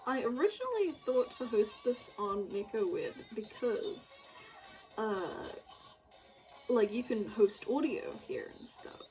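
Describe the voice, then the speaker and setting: Working on visual novel artwork, a woman streamer chats and rambles, giggly and self-deprecating. Her voice is on the high side, expressive and a little mellow, and she takes her time. Music plays in the background of the low-quality recording.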